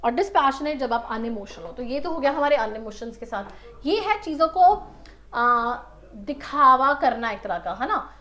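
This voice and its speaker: Indian woman exam tutor, high pitched, spells words out, patient step-by-step explainer. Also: expressive, normal speed, pushed and bright. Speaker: exam prep teacher. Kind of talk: online lesson, mixing English and Hindi.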